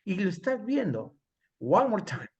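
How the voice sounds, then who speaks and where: Bilingual man teaching English slowly. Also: sits high, sing-song, husky, highs cut off. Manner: mixes Spanish and English, repeats examples slowly. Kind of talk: online English class.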